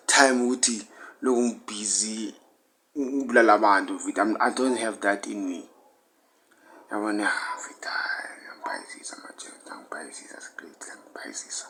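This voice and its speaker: A man's voice: mid-range voice, fairly bright tone, close to an everyday voice. A man with a South African township accent playing an agitated, defensive gangster in a monologue, talking in emphatic, slangy bursts that trail off. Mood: hushed, tense.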